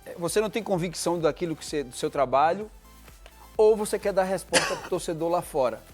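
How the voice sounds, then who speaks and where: Guy, highish voice, digs in and keeps repeating himself, faint music under. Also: brisk. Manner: stubborn, repeats his point, stumbles over words. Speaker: panelist. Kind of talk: heated casual sports chat.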